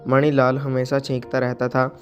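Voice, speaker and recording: Flat-voiced male storyteller. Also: mid-range voice, moderate pace, faint music behind. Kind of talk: scripted story narration.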